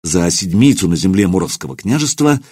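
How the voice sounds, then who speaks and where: A man narrating an audiobook in a steady, expressive storytelling manner. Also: low voice, brisk, husky, no room sound, studio quality.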